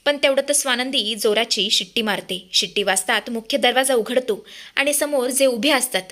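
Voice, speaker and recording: A woman narrating a dramatic recap of a TV serial, speaking directly to her viewers. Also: fairly high pitch. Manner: addresses viewers directly, lively.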